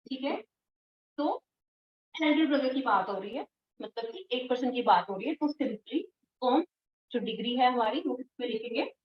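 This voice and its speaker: A woman teaching English grammar in an online class, patient, repeating and drilling words slowly. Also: on the high side, reverberant, far from the mic, lo-fi sound, a little hiss or hum. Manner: firm when scolding students.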